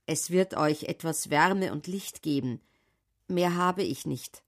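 A woman voicing a kind, gentle young shepherd boy who speaks earnestly in a storybook reading. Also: low voice, slow pace.

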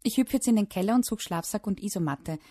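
Woman doing a calm, practical mum. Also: medium pitch, quick pace, dry recording, studio quality, voice pushed up, close to an everyday voice. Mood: patient. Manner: calm, organizing, gently firm. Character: patient, practical mother, calm and sensible.

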